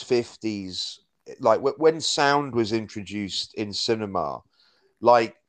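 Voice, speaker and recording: A man's voice: mid-range voice, fairly bright tone. A man co-hosting a podcast, chatting casually about a film in a rambling way, full of "like" and restarts. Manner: rambling, heavy use of "like". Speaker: podcast co-host. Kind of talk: casual film review chat.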